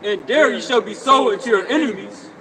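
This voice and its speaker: High-voiced man reading scripture aloud. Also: brisk, crowd noise. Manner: declaiming, reads verses aloud. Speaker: scripture reader. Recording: distant voice over street noise.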